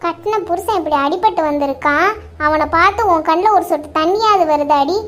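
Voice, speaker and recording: A woman voicing a sharp-tongued mother-in-law in a cartoon, who scolds her daughter-in-law and dotes on her son. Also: very high-pitched, fairly quick. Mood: scolding. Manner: scolding, accusing. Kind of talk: cartoon voice acting.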